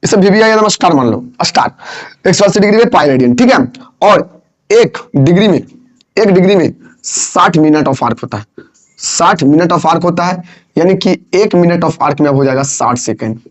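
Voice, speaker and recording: A man's voice: on the high side, animated, normal speed. A man teaching physics, teasing and scolding his students and repeating phrases over and over. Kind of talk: classroom lesson. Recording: dull lo-fi sound.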